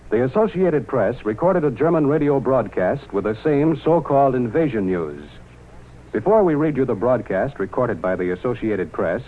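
A man reading a formal wartime radio news bulletin in a measured announcer delivery, with the sound of an old newsreel broadcast. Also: mid-range voice. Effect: old newsreel-style radio broadcast sound. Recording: tinny, narrow-band 1940s radio broadcast.

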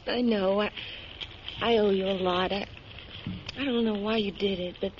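An actress playing a wounded young outcast, halting and vulnerable yet plucky, in an audio drama. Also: female voice, mid-range voice, fairly even intonation, natural voice. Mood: pained, shaky. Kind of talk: dramatic audio fiction acting. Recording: muffled recording with faint noise.

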